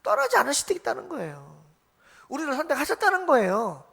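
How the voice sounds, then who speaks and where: A woman pastor preaches a Sunday sermon in a church, her voice sitting a little high. She keeps asking the congregation questions and then answering them herself. She also acts out the voices of the figures in her story. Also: huge pitch swings, fairly quick, vocal fry, fairly bright tone. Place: church sanctuary.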